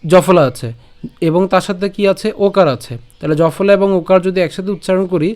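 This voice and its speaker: A man teaching recitation, breaking words into syllables slowly and patiently and checking in often with his listeners. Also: high voice, fairly even intonation, a little mellow. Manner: slow, patient syllable-by-syllable drilling with frequent "ঠিক আছে?". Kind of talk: online recitation lesson.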